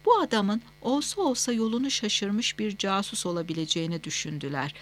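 A woman narrates a novel as an audiobook at mid pitch. She reads steadily and measuredly, phrasing each clause cleanly. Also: animated, a little fast.

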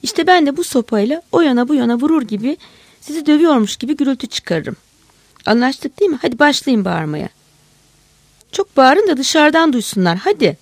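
A woman doing a frustrated shouting policeman. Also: sits high, sing-song, a little fast, no room sound, pitched above the performer's own voice. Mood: pleading. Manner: wheedling, then shouting curses. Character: frustrated male policeman, pleading then enraged.

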